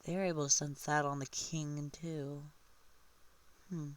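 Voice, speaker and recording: A man's voice: on the high side, little pitch movement, slow pace. A man casually retelling a tabletop game session, rambling and often correcting himself mid-sentence. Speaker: storyteller.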